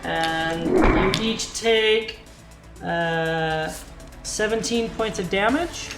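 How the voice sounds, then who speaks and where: Woman game master, commanding and brisk, narrating tabletop combat; echoey space, music clearly behind. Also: medium pitch. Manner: brisk, commanding calls of rules and countdowns.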